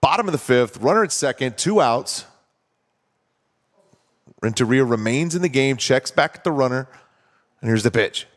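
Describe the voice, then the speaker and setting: A man calling a baseball game play-by-play, talking steadily and conversationally and explaining strategy between pitches. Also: expressive, normal speed, pauses often. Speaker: play-by-play announcer. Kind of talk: baseball commentary.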